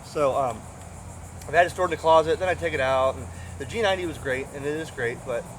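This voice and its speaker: Speaking fast in a slightly high voice, a middle-aged American man rambles happily through an unscripted vlog on his ham radio gear. He's outside on the grass by a pond beneath shade trees. The outdoor camera recording is rough and full of ambient noise.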